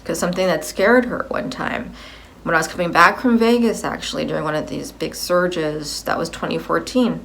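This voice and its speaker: Low gravelly woman in her fifties. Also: a bit bright, slight background noise. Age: 50s. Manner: rambling, repeats and corrects herself. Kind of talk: personal video update.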